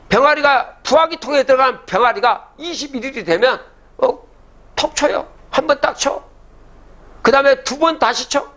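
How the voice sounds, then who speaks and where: A man's voice: very high-pitched, a bit bright. An older man giving a public lecture, reciting old verses and then explaining them, often asking the audience rhetorical questions.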